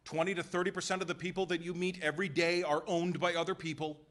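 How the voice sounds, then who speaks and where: A man preaching a sermon in a church, emphatic and full of rhetorical questions and quick voiced asides. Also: fairly high pitch, little pitch movement, fairly bright tone. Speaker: pastor. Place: church sanctuary.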